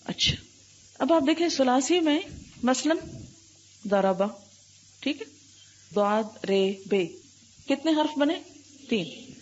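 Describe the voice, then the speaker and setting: Husky-voiced woman teaching grammar in class. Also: high voice, lively intonation, muffled recording. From Pakistan. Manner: quizzes the class constantly, drawing out letters and examples slowly. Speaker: Islamic scholar teaching Arabic grammar. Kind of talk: classroom lecture with questions to students.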